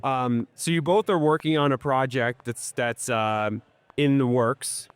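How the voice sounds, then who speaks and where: A man's voice: medium pitch, fairly even intonation, unhurried, smooth, no echo. A man hosting a casual interview, friendly and affirming, with lots of short replies. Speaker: podcast host.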